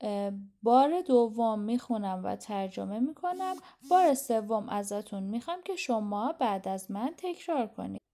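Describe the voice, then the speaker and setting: A woman teaching a language lesson. She says words slowly and clearly, translates them, and explains pronunciation. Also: fairly high pitch, animated, warm tone. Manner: reads Turkish words slowly, then translates them into Persian; gives explanations quickly and clearly.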